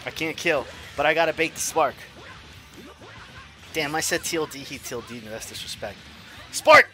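A man giving live commentary on his own fighting game match, excitable, swearing and trash-talking. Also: on the high side, fairly quick, faint music behind. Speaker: gaming streamer.

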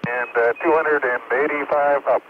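A man's voice: medium pitch, steady tone, normal speed. A man as an astronaut giving clipped, terse callouts to ground control over a breaking-up space radio link. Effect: breaking up space radio transmission. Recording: tinny, hissy archival radio link.

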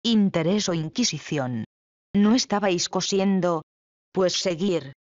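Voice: mid-range voice, takes it slowly, no room sound, natural voice. A reader doing a defiant youngest sister. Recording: dull, lo-fi, dry.

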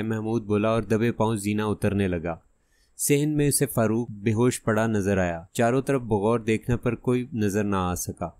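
A man reading a detective novel aloud as an audiobook narrator, steady and measured. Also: lowish voice.

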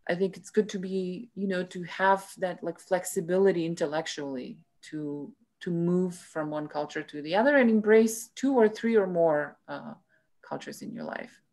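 Middle-aged woman reflecting, slightly low voice. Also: darkish tone. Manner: halting, frequent "you know" asides. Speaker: guest speaker. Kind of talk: reflective conversational talk. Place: indoor room with bookshelves. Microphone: video call.

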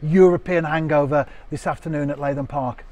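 A man's voice: a little high, fairly even intonation, brisk, darkish tone. A man interviewing a coach for a club channel, reading formal lead-ins to his questions. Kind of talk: post-match interview questions.

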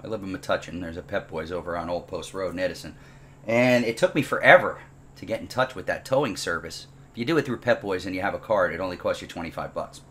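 A deep-voiced man who talks fast teaches a programming class from his dining room table, opening with a casual, funny anecdote. He plays it up with animated, exaggerated self-mockery, and there's slight background noise.

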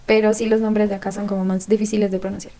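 A woman's voice: mid-range voice, level tone, quick pace, dark tone. A young woman from Colombia with a Colombian accent, chatting casually as an exchange-student guest in an interview. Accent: Colombian, not paisa. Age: young adult.

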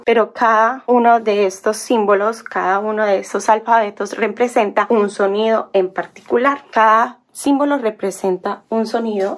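A woman teaching an alphabet, spelling out syllables one by one in a patient, explaining way. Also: mid-range voice. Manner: patient, spelling out sounds slowly. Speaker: language teacher. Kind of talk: explaining on a whiteboard.

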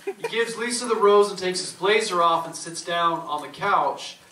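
Guy reading out stage directions on stage, high bright voice, echoey hall from far off. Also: moderate pace, slight background noise. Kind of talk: reading script directions aloud. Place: cinema stage before a live audience. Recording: echoey hall, picked up from afar.

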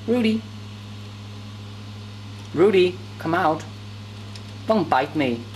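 A young woman, her voice lowish, animated, very slow and a little mellow, casually vlogs in her small home kitchen while making lunch, rambling and chatting to her pet bird. It is filmed on a handheld camera with noisy audio.

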